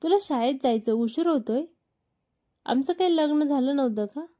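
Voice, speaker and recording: A woman's voice: sits high, lively intonation, moderate pace, dark tone, pitched above the performer's own voice. A woman voicing a middle-aged mother in a read-aloud story, teasing and scolding her son.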